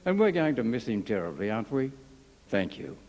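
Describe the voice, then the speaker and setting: An older Australian man giving a memorial speech, telling stories with gentle humour. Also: mid-range voice, sing-song, a little fast. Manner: warm anecdotal storytelling with gentle humour. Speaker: memorial speaker, former radio studio coordinator. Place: large hall at a racecourse. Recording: long hall reverb from a PA.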